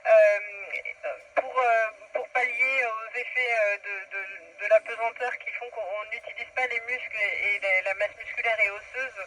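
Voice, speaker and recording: A woman's voice: a little high, fairly even intonation, a little slow, sharp tone, dry recording, low-quality recording. A woman answering questions as an astronaut over a radio link, informal and enthusiastic, feeling for her words. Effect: radio transmission. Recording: radio link with faint static noise.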